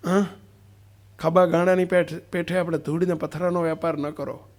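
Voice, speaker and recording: A man with a gravelly voice preaches a devotional sermon to a gathering. He often puts questions to his listeners and leans hard on his key points. His voice sits slightly high for a man. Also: steady tone, normal speed. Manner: questioning, emphatic, acts out a street seller's cries.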